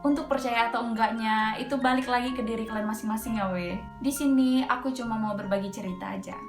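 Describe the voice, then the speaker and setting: This storyteller host is a young Medan woman whose voice sits on the high side, with fairly even intonation and a fast pace. She recounts a mountain ghost tale casually, slangy and chatty, dropping filler words constantly in her Medan Indonesian accent. Background music plays in an echoey room.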